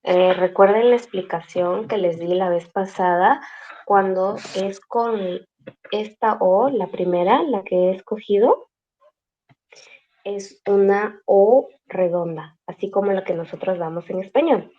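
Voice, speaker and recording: A woman's voice: medium pitch, unhurried, highs cut off. A woman teaching a language class over a video call, explaining patiently step by step and checking in with her students often.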